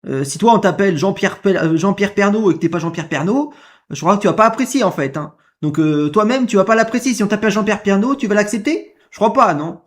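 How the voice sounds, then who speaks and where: This man's voice sits high and moves at a quick pace. Reacting to a clip in a casual commentary, he's indignant and repetitive, tossing out one rhetorical question after another.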